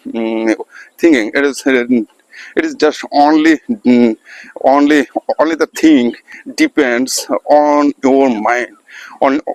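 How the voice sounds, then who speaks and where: A man's voice: mid-range voice, no echo, low-quality recording. A man, teaching pronunciation in an informal spoken lesson, hesitating often with many fillers and restarts. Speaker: English teacher.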